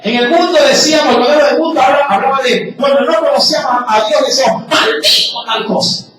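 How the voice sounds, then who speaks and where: High-voiced preacher man in an echoey hall. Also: fast, slight background noise. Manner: preaching loudly, asking the congregation rhetorical questions. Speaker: pastor. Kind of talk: sermon. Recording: very echoey hall, picked up from a distance.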